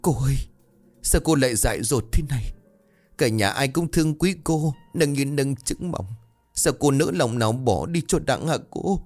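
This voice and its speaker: A man's voice: mid-range voice, lively intonation, moderate pace, a little mellow, faint music behind, voice pushed up, lightly acted. A guy voicing a young servant woman, crying and begging, voice pushed up. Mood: lamenting. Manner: tearful, pleading. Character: young maidservant woman, sobbing and pleading.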